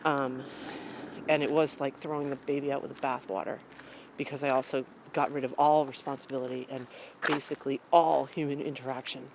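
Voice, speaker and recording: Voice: medium pitch, little pitch movement, fairly quick, noisy background. A vlogger talking casually into a phone camera at home, rambling with lots of fillers and restarts. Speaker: travel vlogger.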